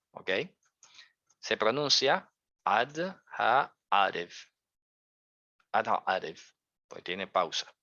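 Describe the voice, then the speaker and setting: A man's voice: on the low side, sharp tone, no room sound. A man teaching a religious lesson in a conversational way, asking many rhetorical questions and carefully hedging his interpretations. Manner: conversational, full of rhetorical questions and check-ins. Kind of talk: explanatory lesson. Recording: dull, dry lo-fi recording.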